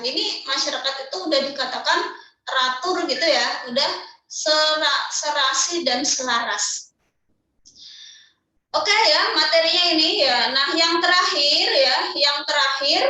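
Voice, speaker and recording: A woman's voice: high-pitched, bright, forceful tone, heavy reverb, distant mic, rough recording. A woman teacher giving an online class lecture, explaining step by step and answering her own questions.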